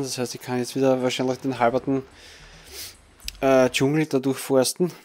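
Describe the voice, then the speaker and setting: A man casually commenting on a video game he plays, reading its text quickly and chatting about the quests. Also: mid-range voice. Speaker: let's play gamer.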